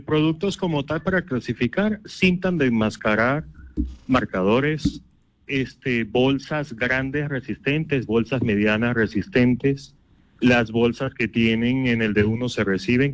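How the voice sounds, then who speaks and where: A Venezuelan-accented man answering a radio reporter outdoors at a shelter, earnest and a little halting. His voice is mid-pitched and dry, close to the mic with no room sound. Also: no room sound. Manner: earnest, lists needs with hesitant fillers. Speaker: shelter volunteer coordinator. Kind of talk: live on-site radio interview.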